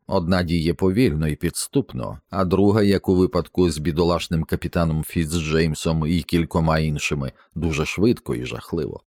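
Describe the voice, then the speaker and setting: An earnest, worried expedition doctor, read by a man in an audiobook explains his reasoning with care. The voice is very deep and the sound is dry. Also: a little mellow, dry recording. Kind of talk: audiobook character reading.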